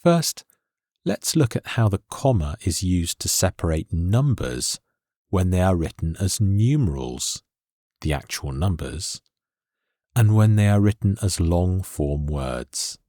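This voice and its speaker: A man teaching an English lesson, explaining grammar in a slow, clear and deliberate way. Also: low-pitched, expressive, mellow, dry recording, studio quality. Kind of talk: scripted lesson narration.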